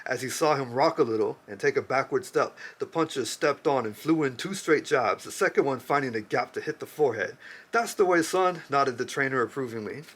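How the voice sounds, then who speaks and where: A man reading a story passage aloud in a measured, deliberate way. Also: medium pitch, fairly bright tone.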